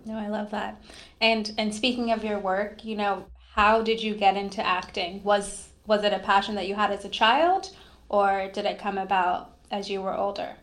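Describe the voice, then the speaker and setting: A woman's voice: mid-range voice, fairly even intonation, fairly bright tone. Woman host asking personal questions. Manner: engaged, personal questioning with quick affirmations. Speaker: podcast host. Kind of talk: casual podcast interview.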